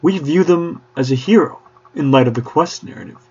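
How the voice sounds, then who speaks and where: A man's voice: fairly high pitch, normal speed, darkish tone, slightly rough. A young man hosting a podcast in a mock-courtly style, grandiose and theatrical with playful old-fashioned flourishes. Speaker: podcast host. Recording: dull lo-fi recording.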